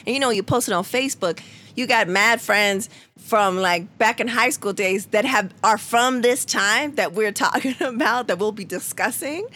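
Pitched on the high side, her bright, pushed voice moves at a normal speed. She's a thirtysomething podcast host from San Diego who keeps the chat casual, slangy and full of laughter.

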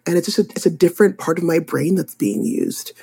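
A woman's voice: lowish voice, fairly quick, creaky, husky. A young adult woman, a photographer and attorney, chatting animatedly in an interview and acting out little scenes. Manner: animated, chatty, acts out voices in anecdotes. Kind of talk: casual interview storytelling.

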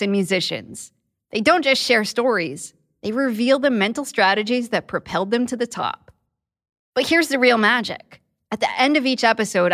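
A woman's voice: fairly high pitch, a bit bright. A woman who hosts a podcast, reading a scripted promotional spot. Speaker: podcast host, therapist.

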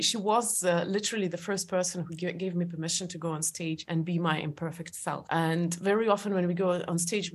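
A woman's voice: on the low side, husky. A woman with a manner, an author and coach reflecting in conversation, laughing often and restarting phrases. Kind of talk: conversational interview.

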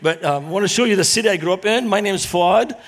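Guest preacher, higher-pitched man, earnest with jokes. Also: quick pace. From Lebanon. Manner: humorous, storytelling, earnest. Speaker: guest speaker. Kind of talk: church talk to a congregation.

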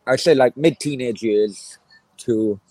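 A man in his forties with a South Wales Valleys accent, answering reflectively and haltingly in a casual interview. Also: medium pitch, mellow, no room sound. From Merthyr, South Wales. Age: 40s. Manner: halting, hesitant delivery with many pauses. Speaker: interview guest, former councillor.

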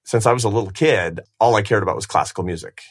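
A man's voice: fairly low pitch, quick pace, husky. A man in his fifties hosting a podcast, telling his story in a reflective, self-deprecating way. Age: 50s. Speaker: podcast host.

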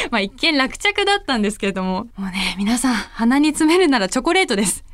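A woman hosts a late-night radio show in a high, lively voice, chatting casually and reading listener mail. Her talk is bubbly and animated, and she is quick to laugh. She is recorded dry and close on a studio microphone. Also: dry recording. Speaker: radio host and singer.

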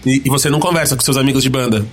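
A man's voice: medium pitch, fairly even intonation, rapid-fire, soft background music. A Brazilian man hosting a podcast in casual, chatty style from home. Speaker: podcast host. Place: remote recording from home.

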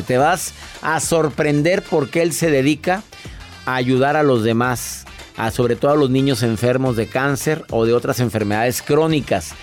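A man hosting a radio call-in show, chatting playfully and acting out little dialogues. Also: medium pitch. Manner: playful, laughing, acts out dialogues. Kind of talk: radio call-in chat and advice. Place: radio studio booth.

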